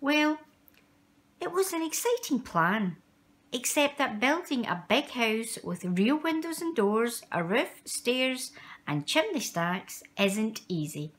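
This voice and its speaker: A woman with a slightly high voice tells a story from a children's picture book. Her reading is measured and expressive, with dramatic emphasis designed for a young audience.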